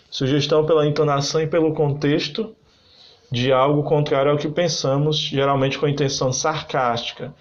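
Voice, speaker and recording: A man's voice: mid-range voice, lo-fi sound. Man teaching with frequent tag questions. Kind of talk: online lesson on figures of speech.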